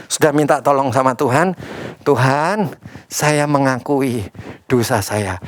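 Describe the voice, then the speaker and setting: A man preaching a sermon as pastor, quizzing the congregation and swinging between loud emphatic lines and quiet asides. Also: fairly high pitch, no echo, clean studio sound. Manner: asks the congregation questions, addressing them as brothers and sisters.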